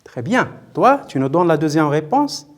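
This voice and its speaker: A man's voice: fairly high pitch, big pitch swings, moderate pace. A man teaching a televised primary school lesson, patient and repetitive, questioning and praising pupils as he spells out words syllable by syllable.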